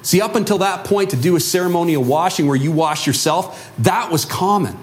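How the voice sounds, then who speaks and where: A man preaching a sermon as a pastor, telling a Bible story in an animated way and acting out the voices of the people in it. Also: high voice, moderate pace. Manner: animated, acts out quoted voices.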